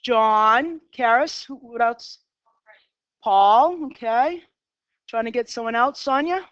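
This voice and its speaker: A fairly high-voiced woman in her fifties with a Boston accent, leading a math lecture in a classroom. She talks in a chatty way, quizzing the students and wandering into side stories. The recording is dull and lo-fi, with a dry sound. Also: slow pace, clean tone, no echo. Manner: chatty, asks the class questions, digresses. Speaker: math teacher.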